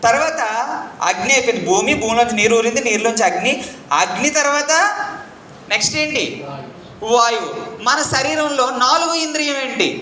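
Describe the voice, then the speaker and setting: A man giving an interactive spiritual lecture to a live audience, quizzing them and pressing them to answer loudly, repeating key points like a chant. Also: extremely high pitch, a little fast, long pauses. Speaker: spiritual teacher. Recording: echoey room.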